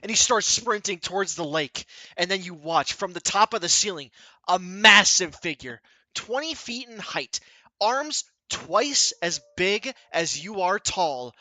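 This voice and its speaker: Energetic man narrating action as game master. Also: high-pitched, measured pace, no room sound.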